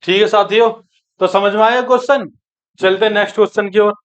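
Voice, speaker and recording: A man's voice: high voice, steady tone, fast talker. A man from teaching a maths class, working each problem aloud and asking his students questions. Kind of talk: exam-prep maths lesson. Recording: dull lo-fi online class recording.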